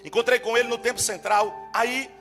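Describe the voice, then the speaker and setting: Fervent high-voiced man preaching. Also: fairly even intonation, brisk, soft background music. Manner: fervent, builds to shouting. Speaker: guest preacher. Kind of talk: storytelling sermon. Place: church service.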